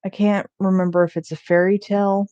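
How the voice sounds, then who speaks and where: A woman's voice: mid-range voice, little pitch movement, a little fast, warm tone, smooth, no echo, dull audio. A young woman in casual, rambling chat, full of ums and restarts, with the odd curse thrown in. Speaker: vlogger.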